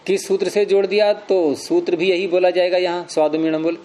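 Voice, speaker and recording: A man's voice: sits high, level tone, a little fast, dark tone. A man teaching a grammar lesson, explaining each step patiently and asking questions that he answers himself.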